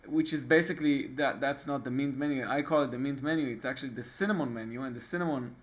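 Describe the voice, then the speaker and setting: A tutorial host from Israel, with an Israeli accent, works through a screen-recorded computer walkthrough in a casual, stop-and-start way, often pausing on fillers and rephrasing from the beginning. He has a mid-range voice.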